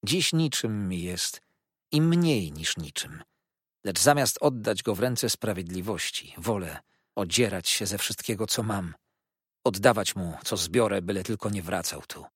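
Guy reading as a proud old aunt, scolding and sad, low husky voice, lots of rise and fall. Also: expressive, measured pace, dry recording, clean studio sound. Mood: rueful. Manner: indignant, reproachful, dignified. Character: proud wounded older woman, the aunt. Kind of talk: audiobook character reading.

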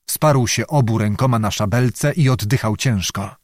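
A man reading a historical novel aloud in measured, dramatic scripted narration. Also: medium pitch, a little mellow, no echo, clean studio sound. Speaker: audiobook narrator.

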